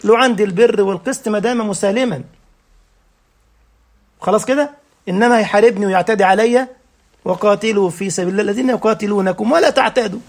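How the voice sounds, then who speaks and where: Here a man gives a religious lesson in Egyptian Arabic, his voice high and fast but broken by long pauses. He peppers listeners with rhetorical questions and checks their understanding.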